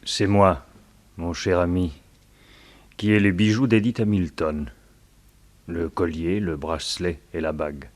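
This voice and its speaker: A deep-voiced actor plays a calm, menacing villain in a French radio serial, suave and mock-polite in his measured delivery, with a smug, calm mood.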